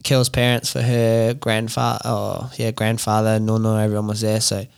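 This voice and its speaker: A man's voice: lowish voice, little pitch movement, normal speed, vocal fry, smooth. An Australian man co-hosting a podcast with casual, laddish banter and short slangy replies. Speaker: podcast co-host. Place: podcast studio.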